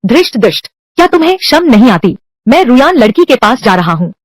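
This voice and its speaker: High, lively woman dubbing every part. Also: a little fast, dry recording. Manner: reads all male and female parts in one unchanged voice. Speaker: voice-over dubber. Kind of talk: dubbing every character of a drama alone.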